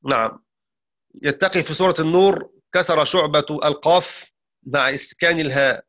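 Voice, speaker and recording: A man's voice: a little high, a bit bright, lo-fi sound. Man teaching Quran recitation. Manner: explains quickly, then recites verses slowly and drawn out; corrects his own slips aloud. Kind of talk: tajweed lesson with recited verses.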